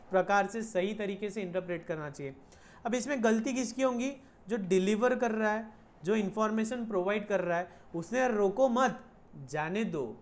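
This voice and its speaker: A woman teaching an online commerce lesson, mixing Hindi with Indian-accented English and repeating key points. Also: medium pitch. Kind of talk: online lecture.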